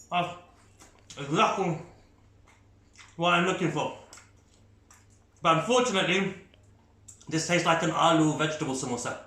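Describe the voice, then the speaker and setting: A man's voice: high-pitched, pushed and bright. A man hosting a food tasting, chatting enthusiastically as he eats and rates each bite. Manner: enthusiastic, talks while chewing. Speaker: food reviewer host. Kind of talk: casual food tasting commentary. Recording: echoey room.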